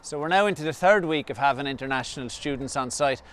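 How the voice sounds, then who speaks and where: An Irish man hosts and narrates a vlog in a medium-pitched voice. There is faint outdoor noise behind him. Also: fast.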